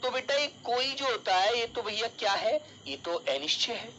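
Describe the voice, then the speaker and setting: A man's voice: very high-pitched, animated, normal speed, pushed and bright, a little hiss or hum, rough recording. A male teacher giving an online exam-prep lesson, calling his students child and dear and explaining with everyday examples.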